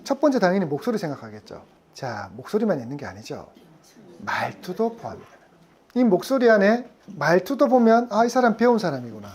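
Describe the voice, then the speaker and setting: Woman lecturer, animated pitch, quizzes the room constantly. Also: a little fast. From Gyeongsang region. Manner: asks the audience frequent questions. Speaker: insurance sales lecturer. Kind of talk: lively classroom lecture.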